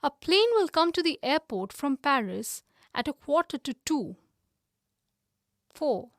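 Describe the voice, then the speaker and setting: Female exercise reader, high voice, slow and clear, scripted textbook reading. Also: sing-song, no room sound, clean studio sound. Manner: clear, evenly paced reading.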